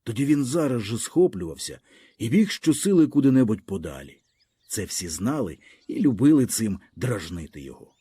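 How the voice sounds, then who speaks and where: Animated, husky male storyteller. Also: mid-range voice, moderate pace. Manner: expressive storytelling with vivid dynamic reading. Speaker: audiobook narrator. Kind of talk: scripted literary narration.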